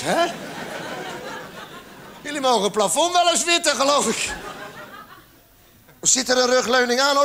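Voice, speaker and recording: High-voiced male cabaret comedian on stage. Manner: acts out characters with exaggerated shouts. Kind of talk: stand-up cabaret monologue. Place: theatre stage with live audience. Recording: live theatre recording, audience laughter, background noise.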